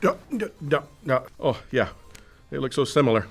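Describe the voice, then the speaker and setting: A man playing a pompous, self-important advice-show host who talks in a grandiose, over-deliberate way and fusses about how his name is said. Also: medium pitch, big pitch swings, soft background music. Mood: flustered. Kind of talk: comedy skit acting.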